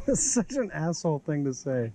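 A man's voice: fairly high pitch, warm tone, a little hiss or hum. A young man chatting casually and joking while fishing from a small boat on a lake, recorded on an action camera. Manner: laid-back, joking, swears freely. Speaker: fishing vlogger.

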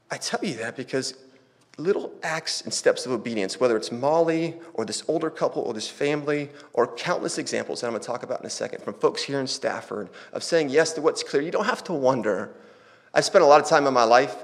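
A pastor in his thirties giving a personal testimony during a sermon, in a conversational, storytelling way that acts out quoted dialogue. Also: medium pitch.

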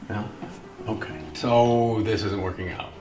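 An actor playing a contemptuous, cold cheating boyfriend in a scripted web series, talking condescendingly. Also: male voice, on the low side, fairly even intonation, measured pace, close to an everyday voice. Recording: distant echoey room, music behind.

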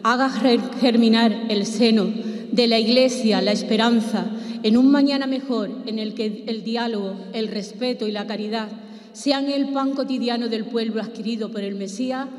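A woman lector reading the intercessions at Mass in a measured, solemn way. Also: a little high, darkish tone. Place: large church. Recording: echoey church with long reverb.

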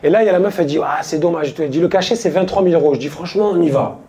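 A man's voice: on the high side, noisy background. Man telling a slangy stage story. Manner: casual slangy storytelling, quoting friends in quick asides. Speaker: stand-up comedian. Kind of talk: stand-up storytelling. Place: stage before a live audience.

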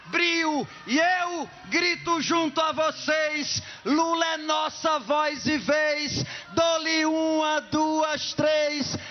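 A man from Pernambuco, Brazil, declaiming rhyming folk poetry on an outdoor festival stage, shouting and chanting his verses to a crowd. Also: very high voice, lo-fi sound. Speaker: poet performer on stage.

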